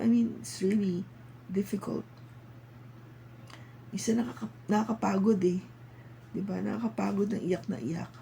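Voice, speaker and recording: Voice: medium pitch, vocal fry, mellow, slight background noise, rough recording. A tarot reader with a Filipino accent giving a casual, chatty reading and coaxing listeners with frequent tag questions. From Philippines.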